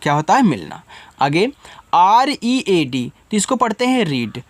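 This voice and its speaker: A man teaching beginners English spelling, reading out words letter by letter, slowly and patiently. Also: high voice, very animated, dry recording. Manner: patient, coaxing teacher talk.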